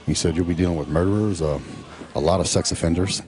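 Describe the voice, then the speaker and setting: Middle-aged man, rumbling bass voice, relaxed voice-over talk peppered with "uh" and "you know". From Texas. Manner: laid-back, drawn-out with many fillers. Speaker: professional bodybuilder. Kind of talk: casual voice-over narration.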